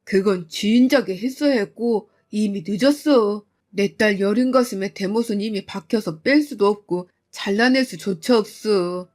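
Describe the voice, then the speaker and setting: A woman's voice: mid-range voice, moderate pace, hardly any pauses, a little mellow, close to an everyday voice. A woman voicing an enraged, doting middle-aged father who speaks sternly and threateningly.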